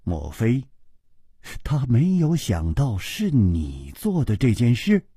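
A storyteller puts on a calm young hero who teases his friends at an unhurried pace. His voice is slightly husky and dry, with lively rises and falls. It is narrated for storytelling radio. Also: medium pitch, no room sound, pitched below the performer's own voice, exaggerated voice. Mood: amused. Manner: unhurried, teasing, chuckling.

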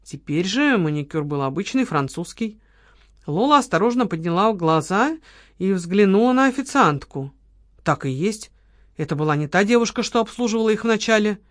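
A narrator reading a detective novel aloud in a steady, measured way. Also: mid-range voice, no room sound, studio quality. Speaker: audiobook narrator.

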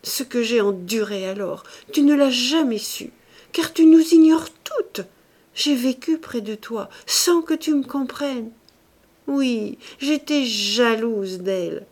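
A woman's voice: high-pitched, lively intonation, slow pace, darkish tone, voice pushed up. A woman reading an audiobook voices a desperate young woman pleading with her lover, passionately, from fury to tender whispers. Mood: jealous, bitter.

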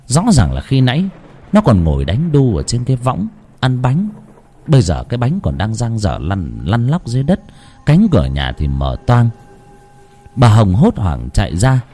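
A man narrating a ghost story in a dramatic, hushed storytelling manner. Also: mid-range voice, huge pitch swings, moderate pace, faint music behind.

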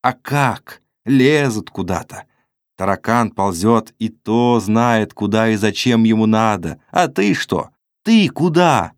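A man's voice: fairly low pitch, expressive, takes it slowly, no room sound, clean studio sound. A male narrator voicing a gloomy, restless young man who questions and pleads earnestly in an audiobook. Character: brooding troubled young merchant man.

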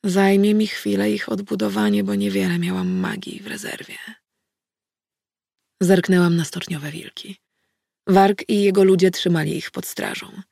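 A woman's voice: mid-range voice, fairly even intonation, moderate pace, gravelly, darkish tone, no echo, clean studio sound. A woman reading a fantasy novel aloud in the first person, acting out the dialogue with drama. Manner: acted, voices dialogue dramatically. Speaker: audiobook narrator.

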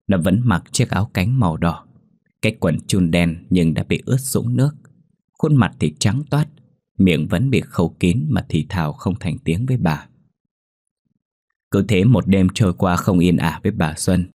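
Deep, husky male ghost story narrator. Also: darkish tone, no echo, clean studio sound. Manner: slow, somber, dramatic.

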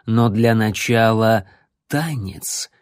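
A man doing a slow, mocking necromancer. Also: fairly low pitch, no room sound. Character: smug, sarcastic immortal male necromancer. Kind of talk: audiobook character voice.

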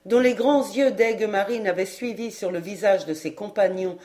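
Woman reading an audiobook aloud. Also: medium pitch. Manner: measured, expressive reading. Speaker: audiobook reader. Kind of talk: audiobook narration.

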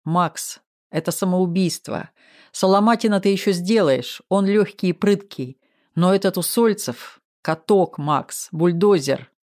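A man's voice: high voice, measured pace, a little mellow. A man reading an audiobook, voicing a short-tempered male fight coach who barks and scolds. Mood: grim. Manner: barking, scolding.

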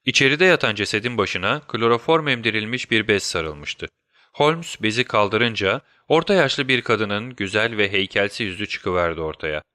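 Bright-voiced male audiobook narrator. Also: fairly low pitch, expressive, moderate pace, no echo, clean studio sound. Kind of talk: scripted narration.

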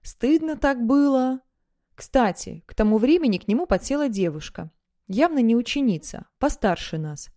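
A woman narrating an audiobook in the first person, in a lively, conversational way. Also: a little high, moderate pace, no room sound, studio quality.

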